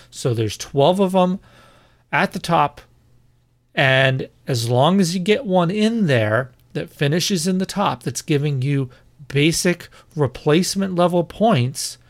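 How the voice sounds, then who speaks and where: Opinionated man talking fantasy football. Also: a little high. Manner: opinionated, conversational with self-corrections. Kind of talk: casual podcast monologue.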